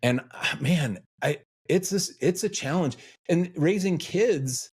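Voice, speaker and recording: Slow and expressive, with a slightly high voice and a breathy edge, a middle-aged man from the United States speaks as a guest on an interview podcast. The freelance educator is earnest and reflective, questioning himself throughout the conversation.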